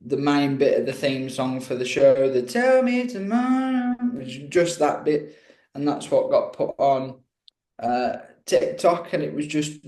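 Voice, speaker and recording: Telling his story in a relaxed interview, this Birmingham-born guest musician is talkative, wanders off on tangents, and makes jokes at his own expense. He has a slightly mellow, mid-range voice, recorded with an echoey, roomy sound.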